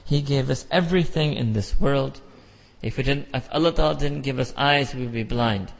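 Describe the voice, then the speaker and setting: A middle-aged American imam delivers an emphatic sermon full of repeated phrases and rhetorical questions. His medium-pitched voice has some vocal fry and moves at a moderate pace. The audio sounds dull and lo-fi, with long hall reverb.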